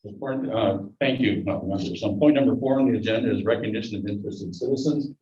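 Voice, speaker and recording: Through a face mask, a man with a fairly low, mellow voice chairs a public board meeting at a quick pace, dropping dry asides as he runs the agenda. The recording, taken from a distance in a meeting room, is dull and echoey with slight background noise.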